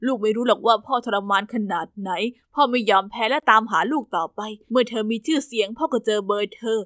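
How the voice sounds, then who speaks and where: A woman voices a middle-aged father in an animated story, his voice pitched low and kept soft. He coaxes and reassures, sounding close to the mic in a dry space. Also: quick pace, no room sound, natural voice. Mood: coaxing. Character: loving then controlling middle-aged father.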